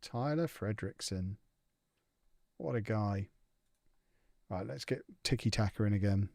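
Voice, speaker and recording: Here a man with a lowish, warm, creaky voice chats unhurriedly while streaming a football management game. He responds to viewers' comments with amused indignation in a casual live-stream style, and the recording is dry and studio-clean.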